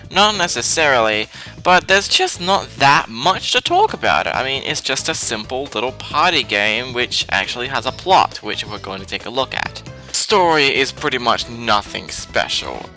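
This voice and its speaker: Guy with a really sharp bright voice ranting about a game, mid pitch, faint music. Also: rough recording. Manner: blunt and opinionated, swears casually. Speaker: game reviewer. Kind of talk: casual spoken game review.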